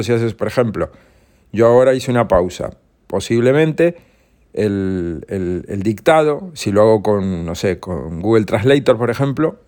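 A man's voice: medium pitch, darkish tone. Guy rambling thru his podcast, casual, keeps restarting sentences. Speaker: podcast host. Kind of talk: casual solo podcast monologue.

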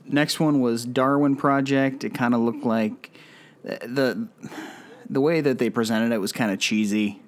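A man's voice: mid-range voice, fairly even intonation, a little slow. A young man in casual gaming chat, easygoing and a bit hesitant, trailing off mid-thought. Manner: easygoing, hesitant, mock-quotes people.

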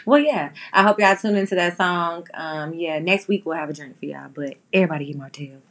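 Lower-voiced young woman co-host. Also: a little fast, a bit bright. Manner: chatty, rambling, slangy. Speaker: podcast co-host. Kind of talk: casual chat.

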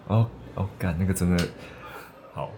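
A man co-hosting a casual bar chat, telling stories with animated energy and frequent laughter. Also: low-pitched, normal speed, slight background noise. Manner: animated storyteller, laughs often, swears casually. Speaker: podcast co-host.

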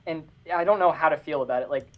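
A young man talking in a loose, joking podcast chat. He is animated, jumps in and out of sentences and often stumbles over his words as he goes. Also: fairly high pitch, quick pace, dull audio. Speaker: podcast co-host. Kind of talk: casual chat.

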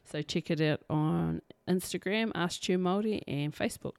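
Female podcast co-host, broad New Zealand accent, lowish pitch, enthusiastic slangy delivery, dry studio-like sound. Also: normal speed, vocal fry, a little mellow, no room sound. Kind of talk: casual podcast chat.

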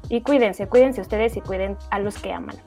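A woman's voice: medium pitch, brisk, creaky, a little mellow, soft background music. A woman giving an earnest closing message on a radio show. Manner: earnest, thankful.

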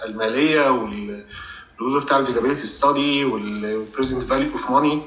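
A man's voice: mid-range voice, a bit bright. A middle-aged man with an Egyptian Arabic accent, speaking casually as a guest and mixing in English finance terms. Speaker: guest speaker from the audience, an engineer. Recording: roomy, distant mic, faint background noise.

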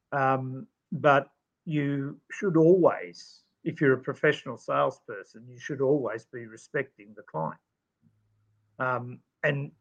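Aussie guy on a podcast, slightly high voice, bit muffled lo-fi sound, lots of ums. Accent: Australian. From Australia. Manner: animated storyteller with filler ums. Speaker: sales expert guest. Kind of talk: conversational podcast answer.

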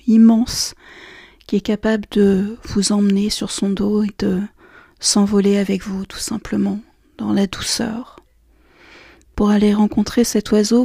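A woman guiding a relaxation and meditation session in a soft, slow, half-whispered voice. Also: mid-range voice, vocal fry, slightly rough, dry recording, clean studio sound. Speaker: relaxation guide. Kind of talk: guided meditation.

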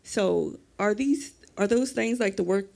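A woman in the congregation asking the pastor a question, hesitant and halting, poking fun at herself. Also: medium pitch, vocal fry, a little mellow. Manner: hesitant, halting, self-deprecating. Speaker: church member asking a question. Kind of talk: casual question from the floor.

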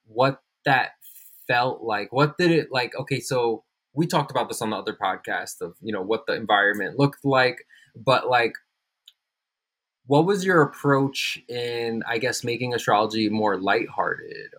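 Mid-pitched male podcast host, agreeable, asks questions hesitantly. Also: animated, unhurried, fairly bright tone, dry recording, low-quality recording. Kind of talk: casual podcast interview.

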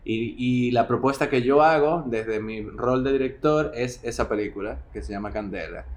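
A man's voice: mid-range voice, normal speed. A man from the Dominican Republic with a Dominican Caribbean Spanish accent, explaining things reflectively and colloquially in an interview. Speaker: film director being interviewed. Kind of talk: conversational interview. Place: home, beside a street with motorbikes. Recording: clear street noise behind.

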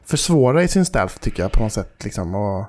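A man's voice: lowish voice, very animated, a little mellow. A podcast co-host and man from Sweden, chatting casually and enthusiastically, swearing often and using lots of fillers. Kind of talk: casual chat.

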